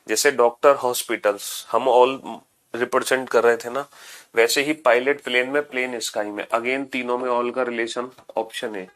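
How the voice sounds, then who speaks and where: A man with a mid-range, slightly bright voice gives a classroom lecture, explaining step by step. He repeats each point, mixes in English phrases, and often calls his students "beta."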